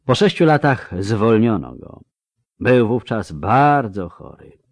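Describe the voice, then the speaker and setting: Sex: man. Role: audiobook narrator. Style: dramatic fantasy narration. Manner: measured, expressive. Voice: low, lively, dry close mic. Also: no room sound. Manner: measured, dramatic, slowing for effect.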